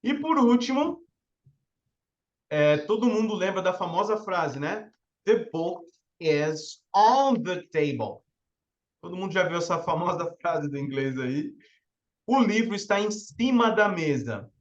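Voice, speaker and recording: A man's voice: sits high, animated, unhurried. Brazilian man teaching, dull lo-fi sound. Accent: Brazilian Portuguese. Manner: explanatory, often checks in with listeners. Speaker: English teacher. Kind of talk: live online lesson.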